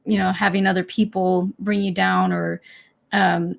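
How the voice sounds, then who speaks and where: Female co-host, middle-aged, soft-spoken and hesitant, casual chat. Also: on the low side, level tone, a little slow, creaky. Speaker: podcast co-host. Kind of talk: casual spiritual self-help chat.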